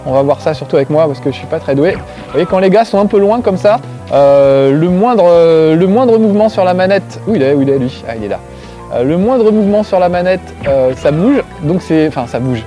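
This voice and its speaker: Tightly framed on his face, a Corsican-accented video game show host casually comments to camera while playing, cracking jokes and mocking himself in a chatty way. His voice is high-pitched and warm.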